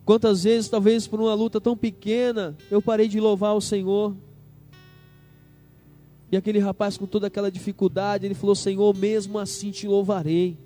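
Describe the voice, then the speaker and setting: A young Brazilian pastor preaching a sermon in church, swinging from hushed tender lines to loud emphatic ones and acting out quoted voices. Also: male voice, high-pitched, flat delivery, brisk, soft background music. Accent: Brazilian Portuguese. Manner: acts out quoted voices of children and God. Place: church service.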